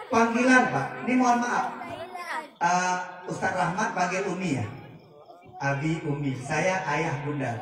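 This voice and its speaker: A man preaching a humorous sermon, telling stories and talking straight to the audience. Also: high voice. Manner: joking, storytelling, addresses audience as Pak, Bu. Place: large hall with audience. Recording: echoey hall, distant mic, crowd.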